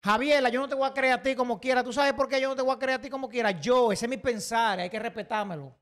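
A man's voice: very high voice, fast talker, a bit bright. A man with a Dominican accent giving heated, emphatic opinion commentary, often repeating himself. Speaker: online commentator.

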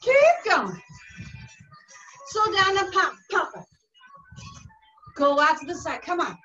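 A woman's voice: extremely high pitch, very animated, slow pace, pushed and bright. A young woman working as an aerobics instructor, calling out short, encouraging workout cues and whoops with lots of energy as she exercises in a living room. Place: carpeted living room at home. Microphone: camera across the room. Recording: distant mic, dull sound, music behind. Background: workout music.

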